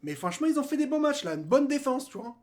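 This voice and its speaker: A man's voice: very high voice, big pitch swings, fast talker, a little mellow. A man giving a casual football debrief, talking animatedly in slang, speaking straight to players and viewers and mocking the rival side. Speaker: football fan commentator.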